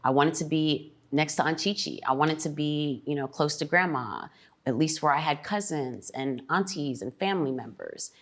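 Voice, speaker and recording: Middle-aged woman, very low voice, reflective and candid, thinking aloud. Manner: reflective, pauses with ums. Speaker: mother, podcast guest. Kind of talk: emotional family conversation.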